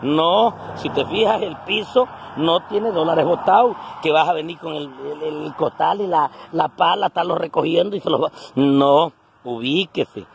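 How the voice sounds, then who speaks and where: His voice runs on the high side, unhurried and touched with vocal fry, with slight background noise behind it. He's a Mexican vlogger in his forties from coastal Guerrero, talking salty and colloquial into a phone at arm's length. The casual selfie monologue to camera starts indoors in a house and ends up outdoors on a roadside.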